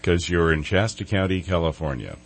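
A man's voice: deep voice, animated, brisk. A man co-hosting local radio from a studio, reading weather and announcements.

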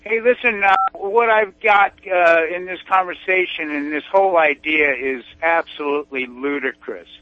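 A caller phones in to a talk show over a dull, dry line with no echo, his fairly high voice steady in tone. At a normal speed and with few pauses, he speaks emphatically and indignantly, repeating his objections.

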